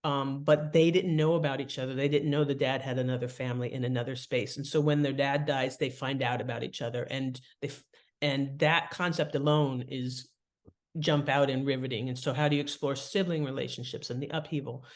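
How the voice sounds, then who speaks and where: Speaking fairly quickly in a bass voice with a steady tone, this woman appears as an expert guest, an author and writing specialist, on an interview show, giving practical, conversational explanations that stress key words.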